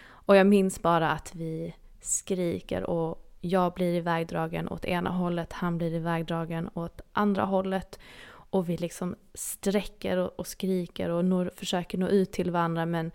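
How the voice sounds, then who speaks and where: A woman's voice: lowish voice, little pitch movement, creaky, a little mellow, clean tone. A woman telling a personal story in an earnest, intimate way, sometimes dropping to a near-whisper.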